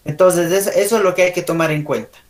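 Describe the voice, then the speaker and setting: A man teaching an online language class talks fast in a high-pitched voice, correcting pronunciation with a Bolivian Spanish accent and frequently asking check questions.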